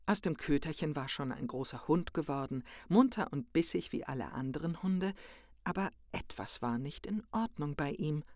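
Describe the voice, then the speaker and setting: Lively storybook narrator, dry sound. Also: medium pitch, moderate pace, no room sound. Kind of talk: storybook reading aloud.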